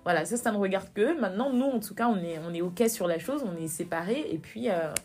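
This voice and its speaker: A young woman in a candid personal interview, speaking earnestly and growing animated when she recounts, repeating words for emphasis. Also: medium pitch, a little fast, husky, soft background music.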